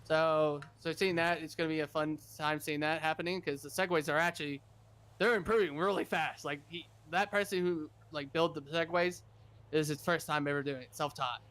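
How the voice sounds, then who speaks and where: A man's voice: on the high side, steady tone, a little fast, a bit bright, smooth. A man playing a governor in a casual roleplay chat, rambling and repeating himself as he talks over others.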